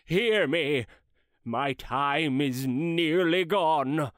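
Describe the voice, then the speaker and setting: An actor playing the solemn ghost of a dead old businessman who speaks in slow, grave, mournful pronouncements. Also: a little high, expressive, fairly bright tone, no room sound, studio quality, full character voice. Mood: urgent warning. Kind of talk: dramatized classic story reading.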